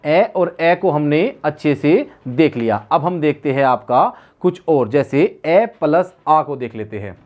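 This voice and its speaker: A man's voice: on the high side, lively intonation, a little mellow. Male Hindi teacher quizzing himself aloud. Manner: repetitive, asks rhetorical questions and answers them himself; drills by repeating words slowly. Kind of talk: exam-prep classroom lecture.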